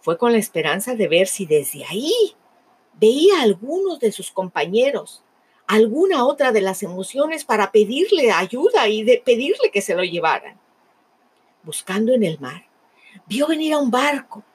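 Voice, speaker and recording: A woman narrating a fable in a dramatic, emotive way, with lingering pauses. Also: on the high side, very animated, slightly rough. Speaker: storyteller.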